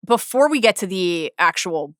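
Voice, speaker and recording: A woman co-hosting a podcast, recapping a TV episode quickly and enthusiastically, often restarting sentences. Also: fairly low pitch, very animated, fairly bright tone, no echo, clean studio sound. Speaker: podcast co-host. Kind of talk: casual TV recap chat.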